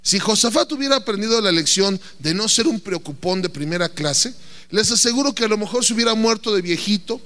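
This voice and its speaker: A man preaching with a high, bright voice that swoops animatedly up and down. He is playful and theatrical, and he keeps firing questions at his listeners. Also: lively intonation, a little fast. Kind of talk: lively sermon.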